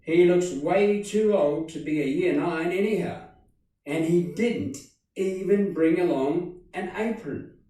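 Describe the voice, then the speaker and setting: A flustered, chattering mum, put on by a male storyteller, her lines pitched higher and rushing on. She sounds caught from a distance in a very echoey room, with a mellow tone. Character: flustered middle-aged mother, chattering.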